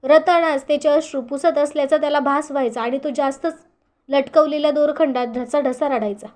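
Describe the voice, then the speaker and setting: A woman storyteller giving a steady, earnest scripted narration of a short story. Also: high voice, brisk.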